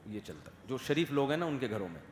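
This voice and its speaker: A man giving a sermon, lively, firing rhetorical questions at his listeners and acting out soft and loud voices. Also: medium pitch, a little hiss or hum. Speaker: religious scholar giving a sermon. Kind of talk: Urdu sermon. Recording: echoey hall with faint ambience.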